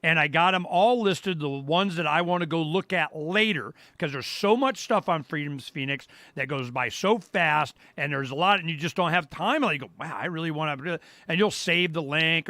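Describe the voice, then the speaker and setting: A middle-aged man hosting his own show, walking viewers through a website in a loose, rambling way and exclaiming "boom" often. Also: pushed and bright, no echo. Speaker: radio show host. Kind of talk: casual live-stream walkthrough. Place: home studio.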